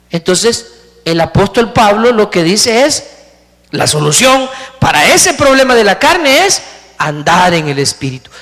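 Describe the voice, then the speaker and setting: A man's voice: very high-pitched, a bit bright, big-room sound. A man preaching a sermon as pastor, speaking emphatically and putting rhetorical questions to his congregation in a church.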